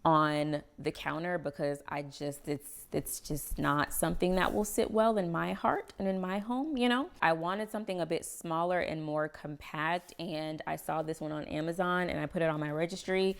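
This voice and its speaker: Breathless chatty young woman, low and smooth. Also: fairly even intonation, normal speed, hardly any pauses. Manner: chatty, says "y'all" and "girl", laughs often. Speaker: home vlogger. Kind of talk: casual product review. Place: home kitchen indoors.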